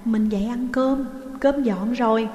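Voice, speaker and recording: A woman reading aloud and voicing a gentle young wife who speaks sweetly and pleads with her husband, in a roomy space. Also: on the high side, a little slow, dull audio, lightly acted. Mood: pleading. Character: young wife, gentle but hurt and defiant. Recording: roomy echo, long reverb.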